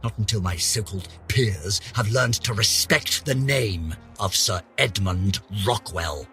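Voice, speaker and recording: For a game, an actor voices a pompous, vain older British scientist who is indignant and obsessive, narrating his journal with haughty, florid melodrama and a scheming air. The voice is fairly low and fairly bright, delivered at a measured pace over soft background music.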